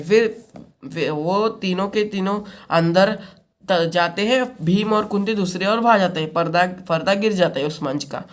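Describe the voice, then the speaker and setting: A woman teacher is reading a school play aloud. She pauses to explain words in a casual, plain tone. Her pitch is average.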